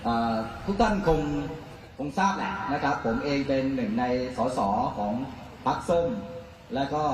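Echoey man giving a rally speech. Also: medium pitch. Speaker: politician addressing a rally. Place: outdoor rally stage. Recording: echoey distant PA, noisy outdoor ambience.

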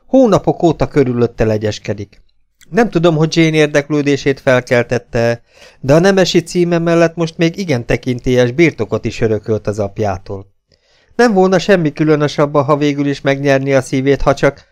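A man doing an earnest, deliberate suitor. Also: fairly high pitch, lively intonation, a little mellow, voice pushed up, lightly acted. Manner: measured, emphatic. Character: earnest middle-aged male suitor, deliberate.

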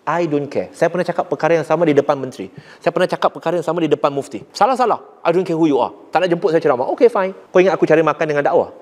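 A man with a Malaysian accent preaching to young people, blunt and forceful, mixing languages and rising sharply to drive points home. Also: a little high, expressive, racing. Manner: rises sharply when making a point. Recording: long hall reverb.

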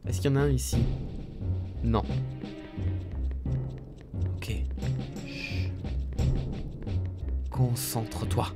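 A man streaming a video game live, joking and reacting excitably to it, recorded on a studio streaming mic. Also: mid-range voice, drawn-out words, long pauses. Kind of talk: live gaming stream commentary. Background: game music.

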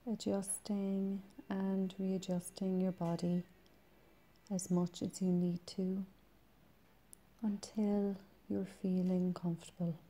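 A woman leading a guided meditation in a soft, breathy, soothing manner, leaving long pauses between short phrases. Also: mid-range voice, level tone.

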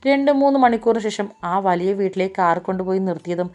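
Woman narrating an audiobook romance, even and expressive. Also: medium pitch, fast.

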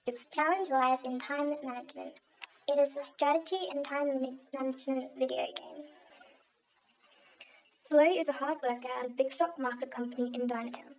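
A woman's voice: high-pitched, a little mellow, rough recording. A young woman reading a scripted video game review aloud, evenly, with a few small slips. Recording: faint background noise with clicks.

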